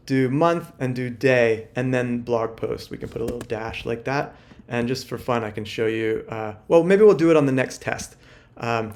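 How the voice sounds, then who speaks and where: A man leads an online workshop, thinking aloud as he clicks through a demo. He talks casually with frequent fillers and self-corrections, at an ordinary middle pitch. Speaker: workshop instructor. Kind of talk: screen-share tutorial walkthrough.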